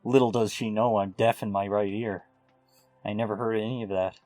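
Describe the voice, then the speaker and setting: A man's voice: fairly low pitch, fairly even intonation, brisk, a little mellow, no echo, faint music behind. A man hosting a video game playthrough with casual, offhand and wry commentary. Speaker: host playing and commenting on a game.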